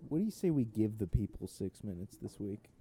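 Low, dark-voiced deadpan male podcaster. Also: a little fast, husky, dry recording. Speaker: podcast co-host. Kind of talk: casual chat.

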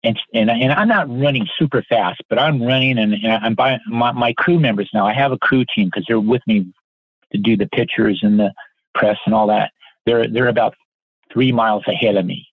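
A man's voice: medium pitch, moderate pace, breathy edge, no room sound. A man in his sixties, a podcast guest telling stories in a casual, earnest and polite way, often restarting his sentences. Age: 60s. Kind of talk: casual anecdotal storytelling. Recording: tinny phone-like line, dry.

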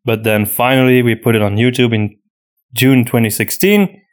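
Speaking at a moderate pace in a steady, mid-range voice, this native Dutch speaker from Flanders, Belgium talks with a Flemish accent. He's a podcast co-host and audio drama writer in a casual, conversational Q&A, echoing words while he works out his thoughts.

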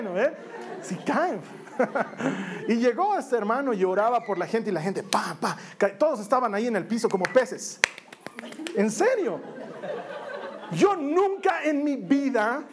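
Jokey priest preaching. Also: male voice, high-pitched, big pitch swings, moderate pace, noisy background. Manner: conversational, humorous storytelling. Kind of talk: sermon.

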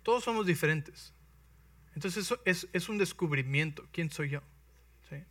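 A man preaching a sermon in lively storytelling style, acting out voices and checking in with his listeners. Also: on the high side, normal speed. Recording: voice from some distance, dry.

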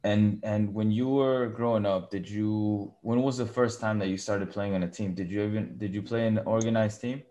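A man's voice: on the low side, steady tone, normal speed, hardly any pauses, dark tone, highs cut off. A man hosting an interview show, speaking informally and chummily as he puts questions to his guest. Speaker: podcast host and interviewer.

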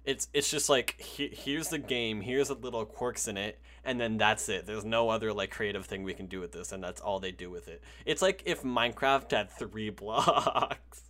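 A man's voice: lowish voice, normal speed, hardly any pauses, fairly bright tone. A teenage boy co-hosting a casual podcast, giggly and dismissive while he critiques a game. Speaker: podcast co-host. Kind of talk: casual chat.

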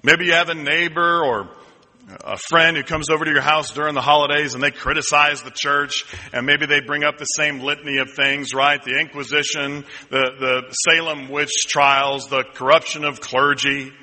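A man's voice: a little high, little pitch movement, moderate pace, pushed and bright. A man, a senior pastor, preaching a sermon in a conversational, humorous way and prompting his congregation. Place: church sanctuary. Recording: long reverb of a church hall.

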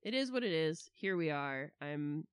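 A woman's voice: deep voice, animated, normal speed, clean tone, no room sound. A woman in her thirties chatting casually as a podcast co-host, talking slightly out of the side of her mouth, with slightly slurred r sounds. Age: 30s. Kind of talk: casual humorous chat.

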